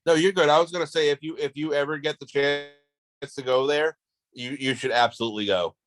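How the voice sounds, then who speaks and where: A man's voice: on the high side, fairly even intonation, a bit bright. A man who investigates the paranormal, talking as an interview guest in an easygoing way. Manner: easygoing, laughs often, quick agreeing replies. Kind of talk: casual interview chat.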